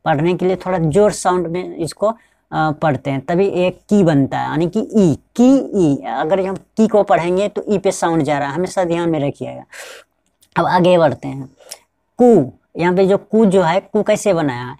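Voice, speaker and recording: Woman, language teacher, gravelly, low-pitched, repetitive explaining, dry close sound. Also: moderate pace, mellow, dry recording. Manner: repetitive, keeps asking the viewers rhetorical check-in questions. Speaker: spoken English teacher. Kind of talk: explaining pronunciation step by step.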